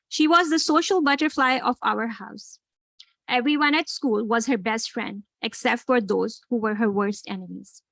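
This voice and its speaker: This author and guest speaker is a woman in her forties from Karachi, Pakistan, a native Urdu speaker with a fairly high, gravelly voice. The recording is dry, close-sounding and poor in quality. Pausing and restarting frequently, she reflects earnestly while switching between personal talk and readings from her own book.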